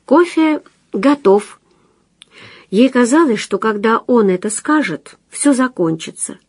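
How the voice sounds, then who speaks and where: A woman narrating a romantic story in a calm, measured storytelling manner. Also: fairly high pitch, slightly rough, dry recording, clean studio sound. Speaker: audiobook narrator. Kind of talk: scripted narration.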